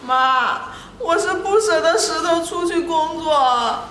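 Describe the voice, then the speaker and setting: A woman plays a timid young wife who pleads softly through tears in a short family drama. Her voice is very high, bright and slow. The room is echoey with faint noise behind. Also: exaggerated voice. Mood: pleading. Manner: soft, pleading, tearful.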